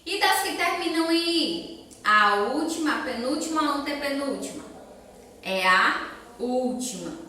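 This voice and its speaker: A Brazilian woman teacher with a bright, high-set voice, patiently guiding children through a recorded class. She sounds set back from the mic in a very echoey room. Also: lively intonation, a little slow, distant mic, slight background noise. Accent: Brazilian Portuguese. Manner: patient, explains step by step and asks questions to children. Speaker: elementary school teacher. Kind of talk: recorded remote class lesson.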